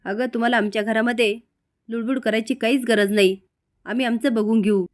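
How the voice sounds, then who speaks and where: A woman voicing a sharp-tongued middle-aged aunt who scolds with sarcasm. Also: fairly high pitch, fairly even intonation, a little fast, no room sound, studio quality, lightly acted. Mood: scolding.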